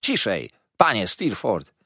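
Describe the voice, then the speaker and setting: A man's voice: medium pitch, sing-song, moderate pace, husky, no room sound, clean studio sound, pitched above the performer's own voice. A man voicing a meek male schoolteacher who has lost his patience, speaking in a raised, strained, pleading voice. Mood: exasperated.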